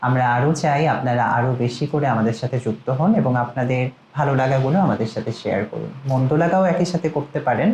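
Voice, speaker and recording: A man teaching a recitation lesson, saying words slowly one by one for pronunciation practice. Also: mid-range voice, darkish tone, roomy sound, slight background noise, low-quality recording. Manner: slow, measured, spells out words one by one. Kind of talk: pronunciation lesson with word drills. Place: outside the studio, storm and rain outside. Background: storm and rain.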